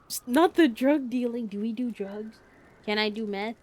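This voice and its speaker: A woman's voice: a little high, moderate pace, a little mellow. A woman streamer giving casual gameplay commentary in a playful, giggly, chatty way.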